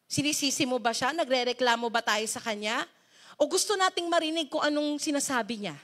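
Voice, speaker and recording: A woman pastor delivers an animated sermon in a high, bright voice. She leans hard on key words and turns often to her listeners with direct questions. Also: fairly quick. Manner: emphatic, animated preaching with dramatized quotes.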